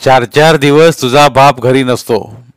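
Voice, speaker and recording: A man's voice: mid-range voice, fairly even intonation, measured pace, clear, resonant tone, dry recording, natural voice. A man reading a story aloud, voicing a stern, bullying police inspector who barks questions. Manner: barking, interrogating.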